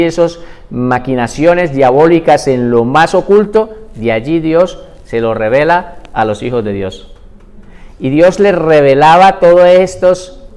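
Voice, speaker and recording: A man teaching a Bible class, retelling stories in a lively way and asking the class rhetorical questions. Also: a little high. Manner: animated storytelling with rhetorical questions.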